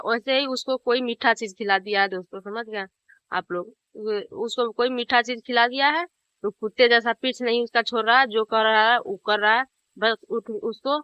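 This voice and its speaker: A woman's voice: fairly high pitch, clean tone, dry recording, lo-fi sound. A woman vlogger venting to camera in an angry, bitter way, trading insults and pleas.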